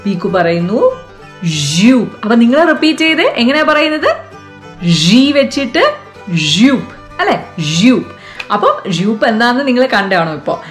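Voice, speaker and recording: A woman with a Malayali accent hosting a casual lesson for children, chatty and coaxing, asking the viewer questions. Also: on the high side. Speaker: vlog host teaching French to kids.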